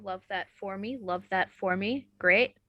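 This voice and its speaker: A woman's voice: medium pitch, measured pace, pushed and bright, no room sound, dull audio. A woman playing a tabletop game on a live stream, making dry, wry remarks. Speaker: player.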